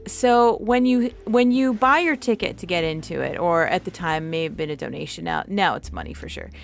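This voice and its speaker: A woman from New York chats on a game stream in a lowish voice, telling stories in a rambling way with many restarts. Faint music plays behind her. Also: moderate pace, vocal fry. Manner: rambling, chatty storytelling with many restarts and laughs. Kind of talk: casual chat while gaming.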